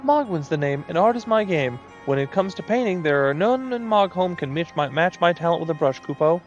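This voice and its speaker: A self-important little creature of an artist, played by a man, pitched high and theatrically grand. The game-character voice is fussy and vain, on slightly dull audio with music underneath. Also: animated, a little fast, lightly acted. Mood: boastful. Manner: pompous, theatrical.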